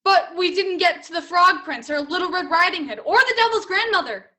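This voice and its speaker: A woman's voice: very high-pitched, expressive, a little fast, bright, forceful tone, exaggerated voice. A woman playing an incredulous, appalled sidekick to a storyteller in a comic stage play.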